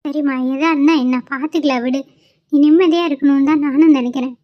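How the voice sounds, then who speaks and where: A woman's voice: high-pitched, fairly even intonation, fast, dry recording, lightly acted. A woman voicing a caring, consoling middle-aged mother-in-law in a cartoon, on a dull lo-fi recording. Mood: soothing. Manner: soothing, consoling.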